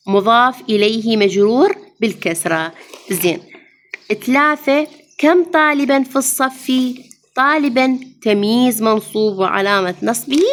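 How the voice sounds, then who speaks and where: Iraqi woman teacher, fairly high voice. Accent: Iraqi Arabic. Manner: explains step by step, asks students questions and answers them; addresses students fondly as "mama". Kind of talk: exam review lesson.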